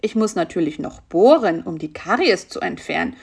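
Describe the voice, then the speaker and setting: A woman voicing a fussy, polite male mosquito dentist, brisk and professional. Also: lowish voice, lively intonation, creaky, a little mellow, husky, exaggerated voice.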